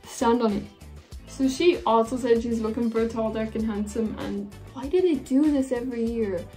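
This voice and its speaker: A woman's voice: fairly high pitch, normal speed, mellow, faint music behind. Chatty gossiping woman in her twenties. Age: 20s. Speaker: reaction vlogger. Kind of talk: casual gossip reaction vlog.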